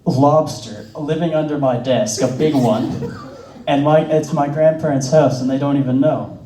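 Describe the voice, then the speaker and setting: Recorded on a distant mic in a roomy space, a young stand-up comedian rambles through his stories, packing them with fillers and laughing at his own jokes. His voice is mellow, mid-pitched, and moderately paced.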